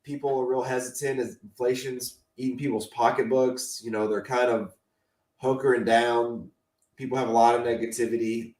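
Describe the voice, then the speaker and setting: A man's voice: medium pitch, steady tone, moderate pace, a little mellow, reverberant. A man co-hosting a casual chat, talking about what he collects in an enthusiastic, opinionated way, and he is losing his voice. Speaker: podcast co-host.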